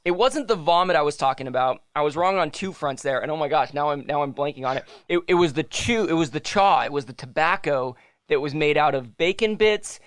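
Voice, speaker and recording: A man's voice: a little high, expressive, a little fast, a bit bright, no room sound. A young man co-hosting a podcast in casual chat, rambling and correcting himself, often laughing. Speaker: podcast co-host.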